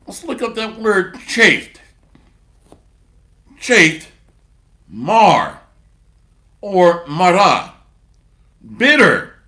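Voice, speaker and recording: A man's voice: high voice, sing-song, very slow, pauses often, pushed and bright, reverberant. A man preaching a blunt, mocking sermon with scripture readings and rhetorical call-outs.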